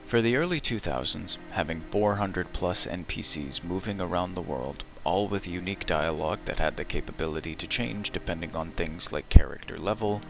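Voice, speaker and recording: An adult video essayist who played as a child in the early 2000s gives scripted, dry, and wry voice-over narration. His deep, gravelly voice moves at normal speed with few pauses, over background music.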